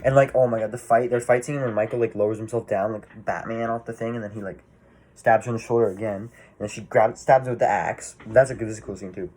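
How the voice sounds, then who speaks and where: Male movie reviewer, low voice, casual rambling delivery, swears often. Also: fairly even intonation, quick pace, darkish tone. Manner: rambling, swears freely, many fillers and restarts.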